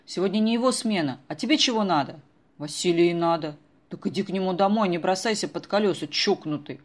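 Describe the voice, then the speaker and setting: A woman doing a gruff bus driver. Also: fairly low pitch, fairly quick, natural voice. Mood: gruff brusque. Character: gruff middle-aged male bus driver.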